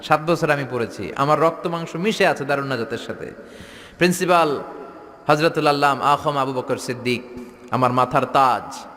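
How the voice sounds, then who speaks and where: A man's voice: medium pitch, normal speed, fairly bright tone, in a large hall. A man from Bangladesh preaching a playful sermon to a large tent gathering, mimicking regional dialects and leading chants. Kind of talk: Islamic sermon to a crowd.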